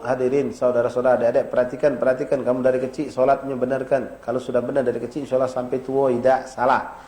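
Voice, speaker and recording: A man teaching an Islamic study circle, stretching out Arabic phrases to show how to say them and talking to the audience in a folksy way. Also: on the high side. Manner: demonstrates pronunciation, drawn-out chanted Arabic phrases; addresses audience directly, folksy humor. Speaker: religious teacher.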